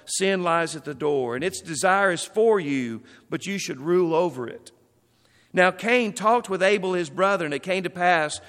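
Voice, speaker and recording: A man with a high voice preaches a sermon. He reads scripture aloud and then comments on it. A long reverb trails each phrase. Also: a bit bright. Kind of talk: sermon reading and explaining scripture.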